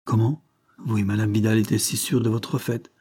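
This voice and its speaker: A man's voice: lowish voice, little pitch movement, moderate pace, warm tone, husky. A man voicing a formal, skeptical male examining magistrate who questions a detective. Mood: probing.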